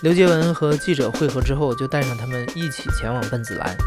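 A male host steps in with scripted narration, delivered briskly at a middle pitch. A clear drum-driven music bed plays behind him. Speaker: podcast host. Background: music with drums.

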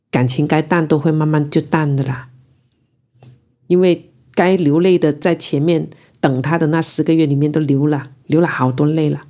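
Low, mellow woman from Guangzhou; reflective first-person storyteller. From Guangzhou, China. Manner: reflective, unhurried and emotional in recounting. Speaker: interviewee telling her own story.

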